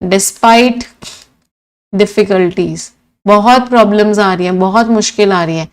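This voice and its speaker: Woman teaching English vocabulary. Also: medium pitch. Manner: asks questions then answers them herself, repeats meanings. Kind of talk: exam-prep vocabulary lesson in Hindi-English mix.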